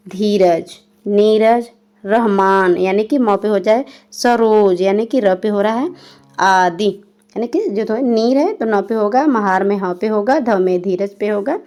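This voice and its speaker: A woman's voice: mid-range voice, mellow. A young woman teaching a Hindi grammar lesson for exam prep, reading each definition and then explaining it again in plain words. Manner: spells out examples one by one.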